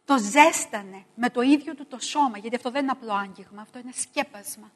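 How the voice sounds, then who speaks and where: A middle-aged woman preaching a sermon, emphatic and repetitive, swinging between loud stresses and hushed asides. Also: on the high side, in a large hall.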